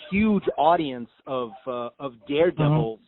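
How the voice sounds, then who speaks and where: A man speaks in a fairly high voice over a tinny, narrow phone line. He sounds earnest and businesslike, with a halting delivery that repeats phrases for emphasis. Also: animated. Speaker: prank caller posing as a company representative.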